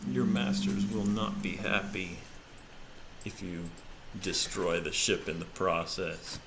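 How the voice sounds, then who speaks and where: A man voicing a defiant male sky-pirate adventurer, shouting a warning in a raised, higher voice. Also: fairly even intonation, takes it slowly, heavy background noise. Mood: defiant yell.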